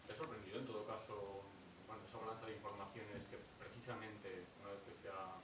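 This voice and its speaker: Male journalist off-mic, monotone and low, asking at length in a roomy, noisy hall. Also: quick pace. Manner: long, winding question with fillers. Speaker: reporter. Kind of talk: press conference question. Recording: distant, echoey, noisy press room.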